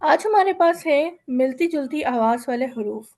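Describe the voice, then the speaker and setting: A woman teaching Quran recitation in a class, patiently explaining letter sounds and slowly sounding out example words. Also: high voice, animated, darkish tone.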